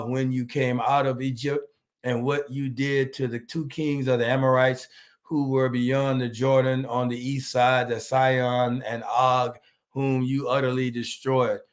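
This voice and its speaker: Greeting viewers individually by name, a male pastor gives his online sermon in a slow, halting manner. His mid-range voice sounds hoarse and slightly nasal from a cold.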